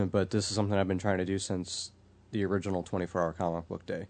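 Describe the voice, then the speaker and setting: A man's voice: low-pitched, fairly quick, vocal fry, darkish tone. A man co-hosting a podcast in casual chat, hesitant with fillers and dry jokes. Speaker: podcast co-host.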